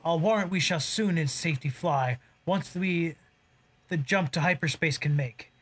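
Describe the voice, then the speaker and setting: Man voicing a swaggering space smuggler, boastful old-style verse, slightly high-pitched. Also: moderate pace, fairly bright tone, slightly rough. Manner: boastful Shakespearean verse delivery. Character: cocky roguish male smuggler captain. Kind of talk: audio drama acting in verse.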